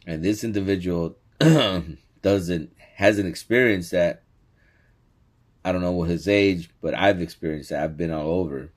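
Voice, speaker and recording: A man's voice: deep voice, measured pace. A man teaching scripture in casual commentary, laughing often and checking in with "okay?". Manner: laughs often, animated, says "okay?" a lot. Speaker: religious teacher commenting on a clip.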